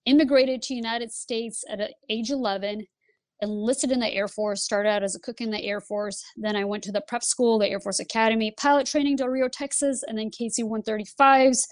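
A woman tells her story as a podcast guest, lively and quick to laugh. Her voice is smooth and resonant. The recording is close and dry. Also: on the high side, no echo. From Lithuania. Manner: lively, laughs while telling stories. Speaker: guest, Air Force pilot instructor. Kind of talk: casual interview storytelling.

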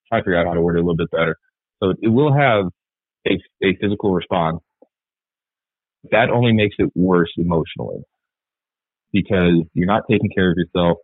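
A man's voice: low voice, breathy edge, dry recording. A man, an Army sergeant, talking earnestly and reflectively in a candid podcast interview, with fillers and repeats. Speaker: guest, Army sergeant and article author. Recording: tinny phone-like line, dry.

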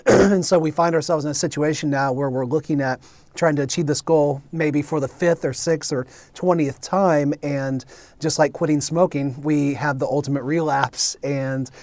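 Measured man explaining goal setting. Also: a little high, steady tone, a little mellow, no room sound. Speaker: human factors program manager and co-host. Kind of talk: casual panel talk.

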